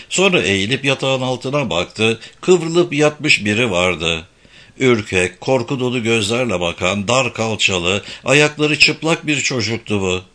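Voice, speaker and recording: A man narrating a novel as an audiobook with expressive, animated reading. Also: medium pitch. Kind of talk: scripted narration.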